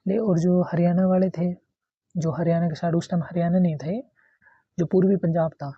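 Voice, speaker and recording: A man explains history for an exam in an easygoing, repetitive way, going back over each point. His voice is gravelly and a little husky. The sound is dry and somewhat dull, as if from a basic mic. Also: sits high, steady tone, normal speed, dry recording. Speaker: teacher. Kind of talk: exam-prep history lesson.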